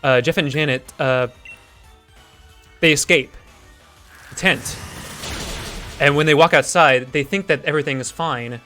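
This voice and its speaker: A man's voice: on the high side, unhurried, long pauses, bright, forceful tone, soft background music. A man improvising a goofy story while streaming a game, rambling with lots of restarts and fillers.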